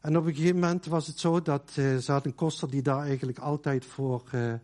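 A man from the Netherlands preaching to his congregation in a casual, storytelling sermon. His voice sits a little high, he pads his sentences with fillers, and he drops to a near hush for quoted words. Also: steady tone, fast.

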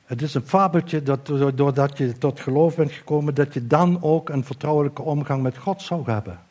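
A male preacher delivers a sermon with earnest conviction. His voice sits a little high, and he reads scripture aloud, slowing and raising his voice on the words he wants to stress. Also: a little mellow. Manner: earnest, slows and lifts his voice for emphasis.

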